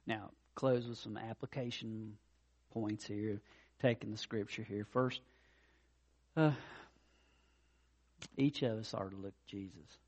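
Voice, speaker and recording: A man preaching a sermon, swinging between loud emphatic declarations and quieter personal asides. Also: fairly low pitch, steady tone, slow pace, long pauses. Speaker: pastor.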